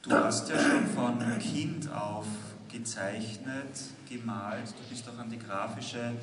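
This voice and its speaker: A man's voice: mid-range voice, steady tone. A middle-aged man, welcoming guests and moderating an on-stage conversation in a polite, formal manner. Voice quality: polite, formal, with frequent filler pauses. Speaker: museum director and curator, moderator. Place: large exhibition hall, indoors. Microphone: handheld mic. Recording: echoey hall with ambient noise.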